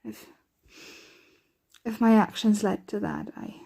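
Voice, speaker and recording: Breathy and frequently whispering, a woman voices an anxious yet doting, protective vampire mistress for an ASMR roleplay, her diction formal and measured. The heavily acted delivery comes in a mellow, medium-pitched voice that sounds worried and vulnerable.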